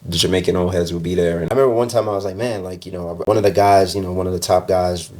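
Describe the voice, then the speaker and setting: A man who grew up in the UK, a fashion designer guest, telling relaxed stories in casual interview chat, with many fillers and easy laughs. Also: sits low, fast.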